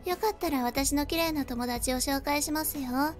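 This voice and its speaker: A woman voicing a spoiled, contemptuous young bride in a storybook drama, with a shrill, whiny manner. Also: normal speed, faint music behind, lightly acted. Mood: fawning.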